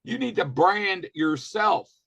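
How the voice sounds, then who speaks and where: A man's voice: high voice, expressive, takes it slowly, vocal fry, fairly bright tone. A man hosting a weekly business training call, talking emphatically and firing rhetorical questions and commands at listeners. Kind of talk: motivational business training talk.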